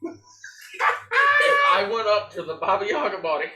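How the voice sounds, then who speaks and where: A man playing in a tabletop game in casual chat, excitable, laughing often and swearing freely. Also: high voice, moderate pace, reverberant, dull audio, over loud music. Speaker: player.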